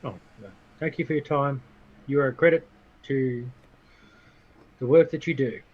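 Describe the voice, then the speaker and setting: A man's voice: medium pitch, normal speed, slightly rough, dull audio. A man playing his character in a tabletop game, rambling and poking fun at himself. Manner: rambling, self-mocking. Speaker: player. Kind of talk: in-character tabletop role-play.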